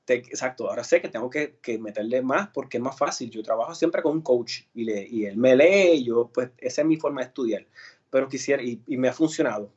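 This time the Puerto Rican performer, an actor and singer with a Puerto Rican Spanish accent, sounds brisk, his medium-pitched voice darkish with a breathy edge. He recounts his life in a relaxed interview, often using fillers and starting over. The recording is muffled.

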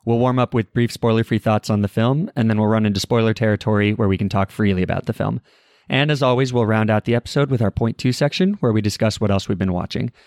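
A man hosting a film review podcast, telling stories in a relaxed, conversational way. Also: on the low side, quick pace, no echo, studio quality. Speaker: podcast co-host.

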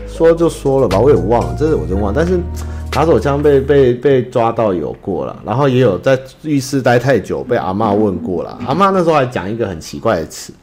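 Lively low-voiced Taiwanese man, rambling. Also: fast talker, hardly any pauses, soft background music. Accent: Taiwanese Mandarin. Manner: rambling, self-mocking storyteller who laughs at himself. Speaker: podcast host answering listener letters. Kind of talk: casual chat.

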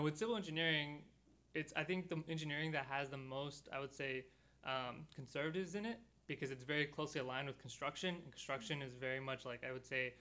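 A man's voice: medium pitch, clean tone. A young man hosting a podcast from a studio, chatting casually and telling stories with lots of fillers. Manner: relaxed storytelling with many fillers. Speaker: podcast host.

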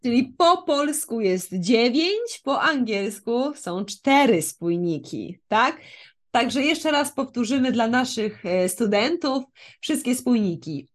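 A woman's voice: fairly high pitch, animated, takes it slowly. A woman with a Polish accent teaching a conversational language lesson as co-host, repeating examples and checking that they are understood.

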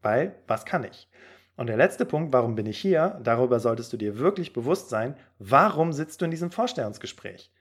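Lively German man giving career advice. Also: medium pitch, normal speed, breathy edge. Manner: lively, talks directly to the listener with fillers. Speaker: podcast host and career coach. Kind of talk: podcast advice monologue.

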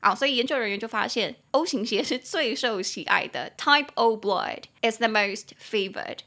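A woman's voice: fairly high pitch, normal speed, sharp tone. A woman hosting a casual English-lesson podcast, chatty and prone to tangents, spelling out words as she teaches. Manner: chatty, digressive, spells out words and switches between Mandarin and English. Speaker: English tutor and podcast host.

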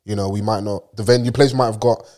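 A man's voice: lowish voice, fairly even intonation, fast talker, darkish tone. A man chatting as a co-host in casual, jokey, slangy discussion. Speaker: talk show co-host.

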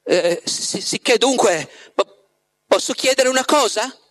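A man's voice: extremely high pitch, lively intonation, measured pace, fairly bright tone, pitched above the performer's own voice, full character voice. A man reading aloud, voicing a devoted young woman who is desperate and hesitant, speaking in a raised, faltering voice.

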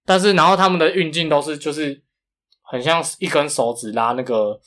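A man with a marked Taiwanese Mandarin accent and flat, non-retroflex consonants, chatting casually as a podcast co-host. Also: fairly high pitch, brisk. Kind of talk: casual chat.

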